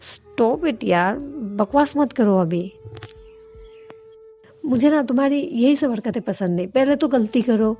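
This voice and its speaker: A woman's voice: on the high side, expressive, slow pace, pauses often, dark tone, dull audio, faint music behind, full character voice. A woman voicing a young woman who is a curt, teasing, sulky girlfriend. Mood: irritated.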